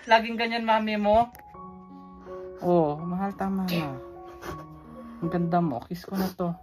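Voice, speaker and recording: A man filming his pregnant wife and teasing and coaxing her in a casual family vlog, laughing often. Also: high voice. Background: music.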